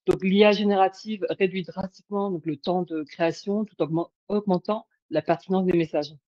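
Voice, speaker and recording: A woman's voice: fairly low pitch, fairly even intonation, moderate pace, warm tone, dry recording. Hesitant woman presenting a webinar. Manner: hesitant, many fillers and restarts. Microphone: video call. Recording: dull lo-fi call audio.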